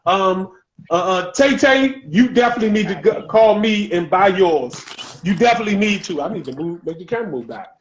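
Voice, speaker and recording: A man hosting a relaxed podcast chat on a live video call, talkative and quick to laugh. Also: sits high, poor audio. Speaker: podcast host. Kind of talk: casual chat.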